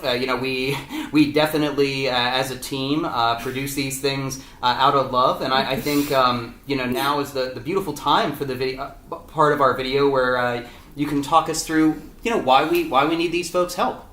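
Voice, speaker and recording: A man's voice: mid-range voice, fairly even intonation, moderate pace, a bit bright. A man hosting a fundraising interview, talking in a casual, hesitant way with many fillers and restarts. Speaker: host of a fundraising video interview. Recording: echoey room, a bit far from the mic.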